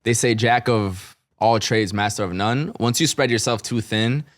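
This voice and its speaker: A man's voice: on the low side, moderate pace, no room sound, studio quality. A man hosting a podcast, talking in a blunt, slangy, casual way and swearing freely. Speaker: podcast host. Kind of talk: casual chat.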